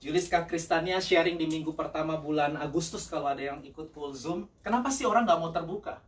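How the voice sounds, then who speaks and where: A male pastor preaching a lively sermon, mixing English phrases in and laughing often. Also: on the high side, fairly quick, distant mic. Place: church service.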